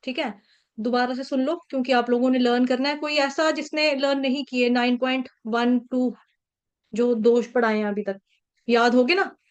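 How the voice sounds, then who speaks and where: A woman teaching an online class, patiently drilling the pronunciation of a verse and repeating syllables slowly. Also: high-pitched, fairly even intonation, clear, resonant tone, highs cut off. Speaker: Sanskrit verse recitation teacher. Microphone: video call.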